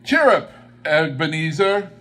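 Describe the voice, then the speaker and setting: Man acting Old Fezziwig, booming jovial fat merchant. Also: sing-song, a little slow, sharp tone, heavily acted. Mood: jovial, exuberant. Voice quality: oily, rich, fat. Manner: booming, calling out heartily.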